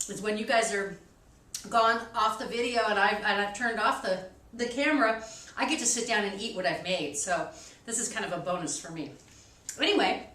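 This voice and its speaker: A woman's voice: on the high side, a bit bright. A woman hosting a library's cooking show, talking casually and self-deprecatingly with many ums as she demonstrates a recipe in a kitchen. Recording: echoey kitchen, distant mic, faint noise.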